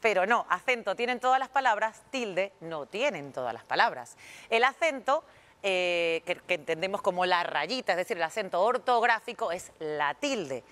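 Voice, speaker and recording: Mujer explicando palabras con paciencia. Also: female voice, medium pitch, expressive, moderate pace, a bit bright. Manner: didactic, explains with examples. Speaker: guest language expert. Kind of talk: explaining word meanings on a TV talk show.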